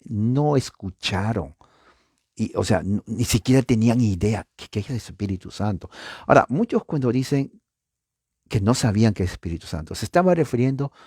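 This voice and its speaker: A man preaching a Bible teaching, talking to his listeners with rhetorical questions and sudden rises in pitch for emphasis. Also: breathy edge, clean studio sound. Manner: animated, pitch jumps up for emphasis and acted-out echoes.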